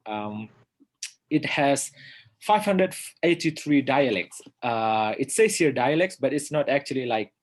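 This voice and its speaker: A pastor in his thirties from North Sumatra, with an Indonesian accent and a mid-range voice, gives a relaxed lecture with slides. He hesitates a lot, filling pauses with "uh" and laughing softly.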